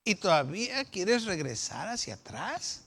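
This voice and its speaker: High-voiced pastor preaching slowly. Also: male voice, very animated, a bit bright, husky. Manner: acts out the doubting people's voices with questions and rebuttals. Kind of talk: sermon.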